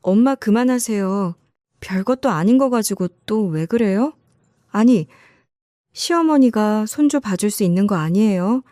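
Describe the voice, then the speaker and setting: A woman's voice: medium pitch, animated, measured pace, dark tone, dry recording, clean studio sound, natural voice. A woman narrator voicing a selfish grown son who complains in a petulant, whining way. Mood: whiny angry.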